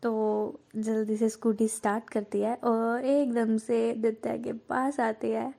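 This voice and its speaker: A woman narrating a romance in an easy, chatty way, as if telling a friend. Her voice sits somewhat high but sounds mellow and soft-edged. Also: flat delivery, slow, creaky. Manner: chatty, conversational, with fillers. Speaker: storyteller. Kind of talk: casual spoken narration of a love story.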